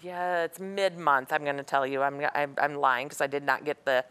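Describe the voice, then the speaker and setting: A woman's voice: deep voice, fairly even intonation, normal speed, fairly bright tone, clean tone. Woman craft-shop guest, chatty demo voice for live TV. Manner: chatty, instructive, upbeat. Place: TV studio.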